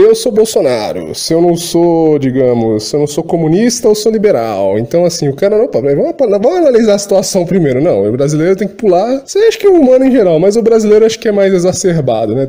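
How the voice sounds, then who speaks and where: A man's voice: sits high, sing-song, fast, hardly any pauses, mellow. A Brazilian man hosting his channel, delivering an agitated, profanity-laden rant. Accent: Brazilian Portuguese. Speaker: channel host. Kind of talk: ranting monologue.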